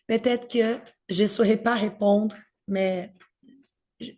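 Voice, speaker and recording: Gentle woman leading a faith discussion. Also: medium pitch. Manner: gentle and inviting, searching for words. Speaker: group leader of a faith discussion.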